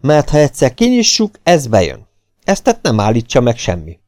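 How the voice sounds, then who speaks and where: A man's voice: mid-range voice, huge pitch swings, darkish tone, dry recording, clean studio sound, voice pushed up. A man voicing an off-duty policeman who gives curt commands in a storybook reading. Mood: commanding.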